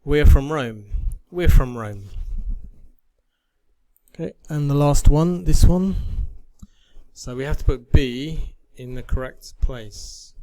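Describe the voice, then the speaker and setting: A man working through a beginner English lesson, reading each drill sentence slowly and deliberately. His pitch sits in an ordinary middle range. He paces himself for learners. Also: warm tone. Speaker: English teacher. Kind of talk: slow, careful lesson reading.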